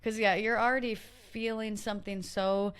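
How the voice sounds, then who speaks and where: A woman's voice: medium pitch, fairly even intonation, moderate pace, smooth. A woman hosting a podcast, talking candidly and searching for words, with some casual swearing. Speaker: podcast host.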